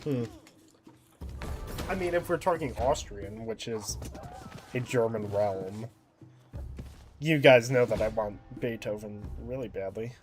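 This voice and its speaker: A man's voice: mid-range voice, unhurried, long pauses, faint music behind. A man casually chatting on a game livestream, thinking aloud and laughing often. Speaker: game streamer.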